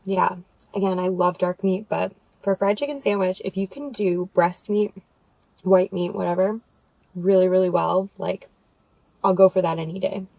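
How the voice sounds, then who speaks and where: Between bites of crunchy fried chicken, a woman from the United States gives her viewers a laid-back food review as a mukbang host. She speaks at a moderate pace in a lowish, gravelly voice with a darkish tone, on a rough recording with no echo.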